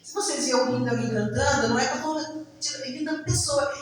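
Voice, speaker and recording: A woman's voice: high voice, brisk, a little hiss or hum. Fervent Brazilian woman preaching in echoey hall. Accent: Brazilian Portuguese. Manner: emotional, peppered with praise exclamations. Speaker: church member giving testimony. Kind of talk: fervent church testimony. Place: church hall. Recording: very echoey hall, far from mic, faint music.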